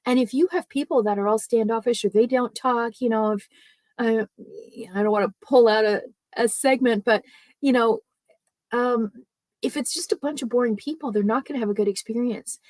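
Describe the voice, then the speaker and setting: A woman speaking coach talks softly through a live online training, chatty and loose, peppering her points with fillers and quick "right?" and "okay?" checks. Her voice sits a little high but sounds mellow. The close mic is dry, with no room sound. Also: no echo. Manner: chatty, many fillers and tag questions.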